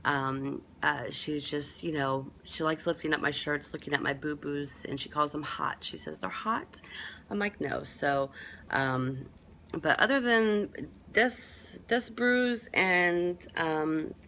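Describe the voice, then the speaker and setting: A woman with a low, bright-edged voice gives a rambling, chatty update straight to camera, full of ums and uhs. A faint hiss of background noise sits under her voice. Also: takes it slowly. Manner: rambling, chatty, many fillers. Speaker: vlogger. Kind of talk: casual update vlog to camera.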